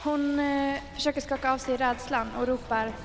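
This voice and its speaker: A woman with a high voice tells a creepy tale, drawing out the tension as she goes. Her voice rings with a long reverb, and loud frying and sizzling carries on behind her. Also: steady tone, a little hiss or hum. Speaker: storyteller. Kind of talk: improvised horror storytelling.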